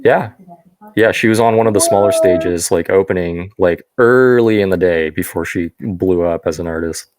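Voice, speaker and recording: A man's voice: sits low, moderate pace, darkish tone. A man co-hosting a casual music chat show, laid-back and agreeable, mostly giving short replies. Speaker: podcast co-host.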